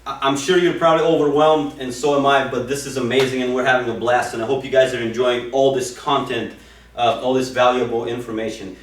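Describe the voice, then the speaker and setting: Upbeat wrestling coach in an echoey gym. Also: male voice, medium pitch, fairly even intonation, a little fast, far from the mic. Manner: enthusiastic, repeats "okay?" and "super". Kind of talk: instructional technique demo. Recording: echoey room, speaker off-mic.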